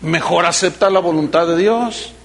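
A middle-aged pastor delivers a sermon in a high-pitched voice. He preaches with animation, slipping into the voices of the people he quotes. Now and then he drops to a sudden hush. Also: moderate pace.

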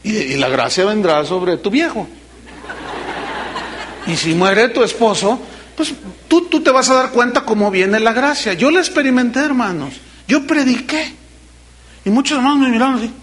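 A middle-aged man, a pastor preaching a sermon in an animated way, acting out quoted voices and dropping suddenly soft. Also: extremely high pitch, normal speed, slight background noise.

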